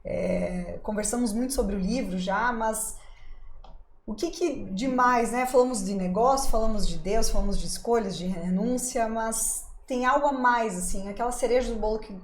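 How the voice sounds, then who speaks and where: A woman's voice: on the high side, moderate pace, a little hiss or hum. A woman hosting a podcast interview, asking friendly, leading questions. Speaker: podcast host. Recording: echoey room.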